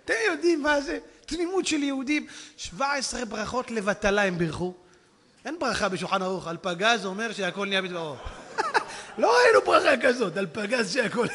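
A man preaching a storytelling sermon, swinging between hushed tones and loud shouting. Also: high-pitched. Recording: long hall reverb.

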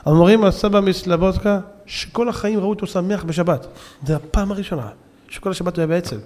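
A man giving a Torah sermon, telling a story with emphatic build-ups and sudden shouting peaks, and addressing the audience directly. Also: high-pitched, long reverb tail. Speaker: rabbi preacher.

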